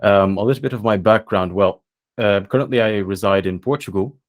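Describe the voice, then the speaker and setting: A young man from the Philippines, appearing as a podcast guest, speaks casually and thoughtfully in a fairly low voice, pausing often and using many fillers.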